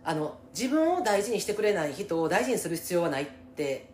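Animated Kansai woman, echoey room. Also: on the low side, fairly quick. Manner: empathetic, emphatic, frequent agreeing backchannels. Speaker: podcast co-host giving listener advice. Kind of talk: casual advice chat. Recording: echoey room with faint background noise.

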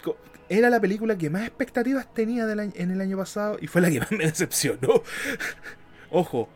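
A man's voice: sits high, animated, a little fast, a little mellow, soft background music. A man from Chile with a Chilean Spanish accent, hosting a casual podcast chat, laughing often and trailing off mid-sentence. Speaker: podcast host.

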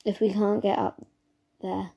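Woman reading a kids storybook aloud, mellow and kinda breathy, steady pace. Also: medium pitch, a little slow. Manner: steady, even reading with small slips. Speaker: narrator. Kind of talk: storybook narration.

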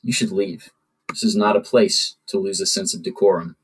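A man doing a calm, menacing old mob godfather. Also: low voice, normal speed, breathy edge. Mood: commanding. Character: commanding older mobster godfather, calm and menacing.

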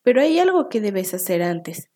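A woman's voice: mid-range voice, sing-song, normal speed, mellow. A woman voicing a small, clever male piglet who sighs, squeals and politely coaxes in a storybook reading. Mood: sighing, coaxing. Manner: sighing, squealing, sweetly persuasive.

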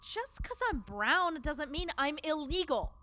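A woman's voice: sits high, expressive, a little slow, slight background noise, exaggerated voice. A woman voicing a scared, defiant young boy. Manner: earnest, rises to frightened yelling.

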